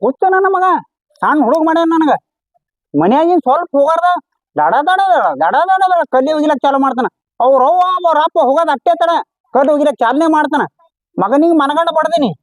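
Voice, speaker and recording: A woman with a North Karnataka Kannada accent argues defensively as a neighbour in a comedy skit. Her voice is high, and the sound is dry and close. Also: animated, brisk, no echo, poor audio. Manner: argumentative, defensive. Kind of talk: scripted comedy skit dialogue.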